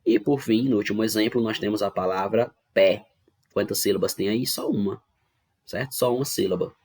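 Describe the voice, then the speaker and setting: Fairly low in pitch, husky and darkish in tone, this man talks at a moderate pace. With a Brazilian Portuguese accent, he teaches grammar in an online class recorded at home, patiently breaking things down and often confirming students understand.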